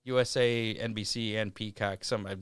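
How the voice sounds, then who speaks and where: A man with a low voice hosts a racing show. He works through event listings in a casual, halting way, filling gaps with "uh". The sound is dry and close. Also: fairly even intonation, clean tone, no echo. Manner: reads schedules with frequent "uh" pauses. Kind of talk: casual racing news rundown.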